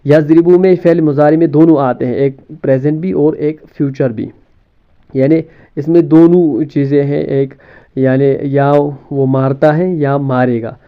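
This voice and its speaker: A man with a fairly high, clear and resonant voice walks through grammar terms one step at a time in classroom fashion, keeping his intonation fairly even. He poses questions he then answers, repeats words frequently and slips in English terms, heard through narrow, tinny audio.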